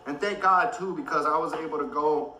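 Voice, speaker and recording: Angry guy cussing nonstop on a livestream, bright forceful voice, roomy echo. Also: fairly high pitch, brisk. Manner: heavy swearing, furious and emotional. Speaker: livestream host.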